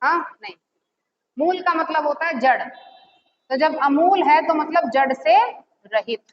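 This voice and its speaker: A woman teacher giving a lesson, asking questions and answering them herself, repeating key words slowly. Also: high-pitched. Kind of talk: classroom lesson. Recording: echoey, slightly dull audio with faint noise.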